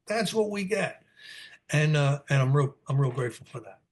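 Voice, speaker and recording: A man's voice: a little high, expressive, normal speed. Rambling older New man. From New Jersey. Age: 60s. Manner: goes off on tangents, repeats words. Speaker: guest speaker at a recovery meeting. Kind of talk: candid rambling talk answering questions. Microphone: video call.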